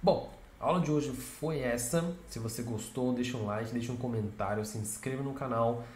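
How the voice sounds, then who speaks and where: A man's voice: moderate pace, a little mellow. A man, a Mandarin teacher giving a casual video lesson and explaining patiently. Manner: explains patiently, tags lines with "né?" and "tá?"; imitates horn sounds in a high voice. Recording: echoey room with faint noise.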